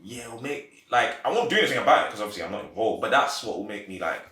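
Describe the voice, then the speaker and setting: A young man in his twenties answering interview questions casually, animated and quick to laugh. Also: fairly low pitch. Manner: animated, laughs easily, acts out quotes. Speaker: interview guest. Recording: roomy echo, faint background music.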